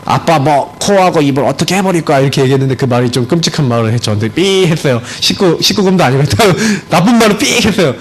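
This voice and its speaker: A male pastor preaching a sermon, telling a family story, swinging from emphatic high points to low, quiet storytelling. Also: lively intonation, fast, hardly any pauses, husky, rough recording. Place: church sanctuary.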